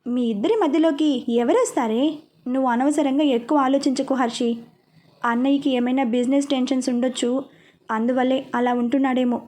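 A cheeky young man who is the younger brother, coaxing and light in the way he talks, as a woman storyteller reads his part. The voice is pitched high and sounds mellow, in a spoken audio story. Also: fairly even intonation, brisk, natural voice.

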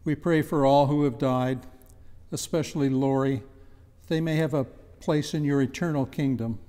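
An older man leading the prayers of the people in a measured, reverent reading in a church. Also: mid-range voice, steady tone, mellow, big-room sound. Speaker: prayer leader. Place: church chancel, indoors.

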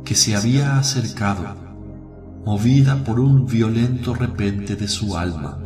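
Playing a kind and merciful holy teacher in a devotional radio play, a male actor speaks slowly and solemnly in a low voice that stays close to an everyday tone. His measured delivery feels tender and reassuring, with a roomy echo over background music.

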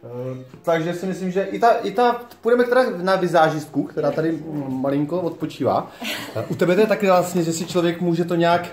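A man's voice: a little high, a little mellow, roomy sound. A man in his thirties hosting a casual handheld vlog in a small hair salon, joking and drawing out his words as he films on a phone held at arm's length. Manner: playful, jokey, drawn-out phrasing. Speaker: vlog host. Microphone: phone camera at arm's length.

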